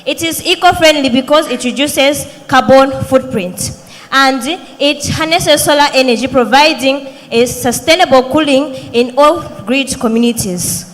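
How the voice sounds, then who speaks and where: A young woman presents a scripted product pitch. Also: normal speed. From Zambia. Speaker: student company director presenting. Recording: reverberant hall.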